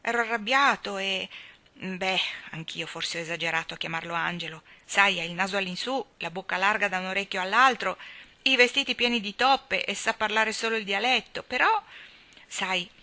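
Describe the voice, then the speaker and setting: A woman voicing a sickly, spoiled young boy who bursts out in high, breathless excitement in a storybook reading. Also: moderate pace. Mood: earnest.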